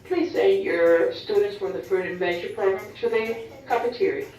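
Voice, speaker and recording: A woman making a formal, polite announcement to teachers and students over a school intercom loudspeaker. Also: medium pitch, moderate pace. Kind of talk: public address announcement. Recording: echoey intercom speaker heard from far off.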